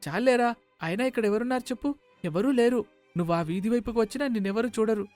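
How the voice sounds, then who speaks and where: A man's voice: very high voice, fast talker, a little mellow, soft background music, voice pushed up. A man voicing an eager little village boy who coaxes his friend along, in a cartoon story. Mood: coaxing. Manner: coaxing, bossy with his friend.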